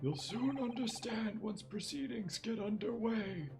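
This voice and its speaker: A man voicing a courteous elderly male professor who speaks formally and slowly, over game music. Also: sits high, gravelly, low-quality recording. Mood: grave. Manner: formal, measured old-man delivery.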